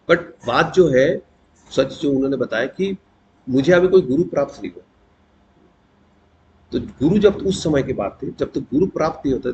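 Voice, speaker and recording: A man's voice: medium pitch, darkish tone. Male speaker, casual devotional storytelling, dull lo-fi recording with faint hiss. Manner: conversational, mixes English words into Hindi; clears throat often.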